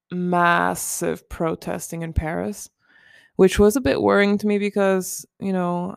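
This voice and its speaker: A woman's voice: on the low side, gravelly, a little mellow, no echo, studio quality. A woman in her twenties hosting a casual pillow-talk chat from her living room, rambling and chatty. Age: 20s. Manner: rambling, chatty, many "like" and "you know". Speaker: podcast host.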